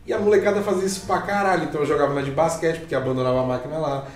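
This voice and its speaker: Paulistano man, casual storyteller with a slightly high voice. Roomy, distant mic with faint music behind. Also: rapid-fire. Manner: slangy, laughing, animated storytelling. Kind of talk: casual chat.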